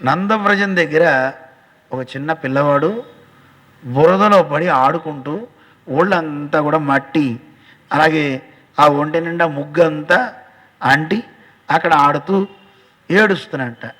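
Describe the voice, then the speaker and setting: A man giving a devotional storytelling sermon as a religious teacher, animated, acting out dialogue and addressing listeners directly. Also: on the high side, slow pace, pauses often. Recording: long hall reverb.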